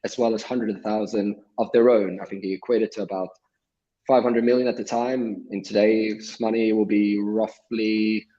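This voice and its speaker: A man from Sweden, a guest on a livestream, explaining things in a measured way with frequent filler words. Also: fairly low pitch, flat delivery, dark tone, highs cut off. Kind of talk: livestream interview.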